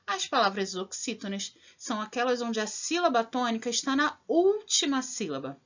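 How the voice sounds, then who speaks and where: A woman teacher, giving a recorded lesson to children, spelling out examples slowly and with clear stress and often checking in with the listener. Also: mid-range voice, bright, forceful tone. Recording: dull lo-fi audio.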